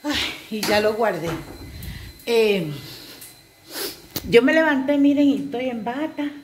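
A woman's voice: fairly high pitch, animated, takes it slowly, background noise. An older woman hosting a casual cooking vlog at home, chatting to her viewers as she cooks. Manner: chatty, talks to viewers as "chicas". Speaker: cooking channel host. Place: home kitchen. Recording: echoey kitchen with clattering pots.

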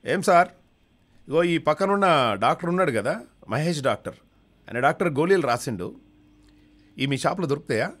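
A man's voice: fairly high pitch, lively intonation, moderate pace, pauses often, fairly bright tone, pitched above the performer's own voice. A man voicing an anxious, simple male patient who pleads. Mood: pleading anxious. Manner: pleading, flustered.

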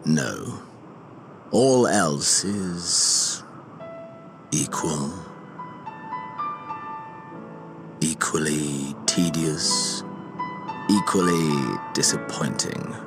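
A man's voice: extremely low pitch, lively intonation, drawn-out words, pauses often, over music, heavily acted. A man playing a brooding, bored warrior prince in a video game, grave, languid and coldly obsessed. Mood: weary disdain. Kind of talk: dramatic video game cutscene acting.

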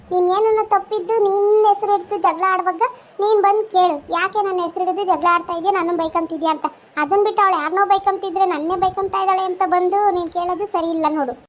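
A woman's voice: extremely high pitch, fairly even intonation, quick pace. A performer voicing a blunt old village grandmother who scolds two quarrelling women in a cartoon. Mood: lecturing. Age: older. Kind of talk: cartoon voice acting.

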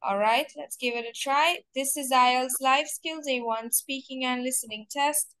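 High-voiced woman examiner, dry sound. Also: sharp tone, no room sound. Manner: clear, measured questioning. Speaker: English test coach. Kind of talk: mock speaking test examiner.

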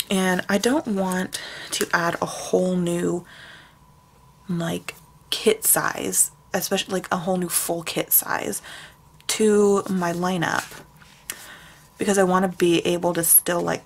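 A young woman talks her way through a plan-with-me vlog in a loose, rambling way, full of fillers. Her voice sits low with a gravelly fry, and a faint hiss runs behind it. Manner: rambling, chatty, lots of fillers. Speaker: planner sticker shop owner. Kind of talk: casual plan-with-me chat.

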